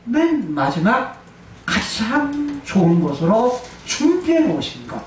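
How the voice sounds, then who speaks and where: A man's voice: extremely high pitch, sing-song, slow pace, slight background noise. A male pastor preaching a sermon, emphatic, asking and answering his own questions. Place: church sanctuary. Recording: echoey church hall, distant mic.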